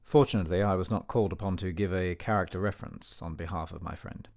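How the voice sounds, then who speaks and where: Speaking in a deep, steady voice, a man portrays a learned, disapproving elderly gentleman recounting his memoir for a radio play. His narration is formal, dignified and measured, with a reflective mood.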